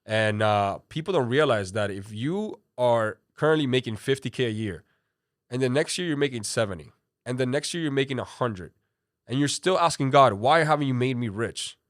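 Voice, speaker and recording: A man's voice: mid-range voice, animated, normal speed, no room sound, clean studio sound. A man in his thirties, born in Cuba with Spanish as his first language, talking casually as a podcast guest and rambling with many fillers. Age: 30s. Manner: rambling, lots of "you know" and "like". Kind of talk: casual interview talk.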